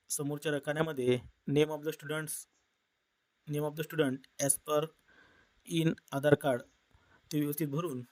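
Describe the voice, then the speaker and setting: A man narrating a step-by-step software tutorial in a plain instructional manner. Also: fairly high pitch, no echo. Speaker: tutorial presenter. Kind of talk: screen-recorded software tutorial.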